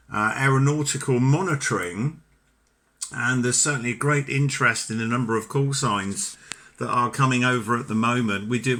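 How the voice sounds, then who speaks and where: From his home ham radio station, a British man with a mid-range, strikingly bright and crisp-edged voice chats over amateur radio. He is talkative and polite, openly enthusiastic as the conversational exchange goes on.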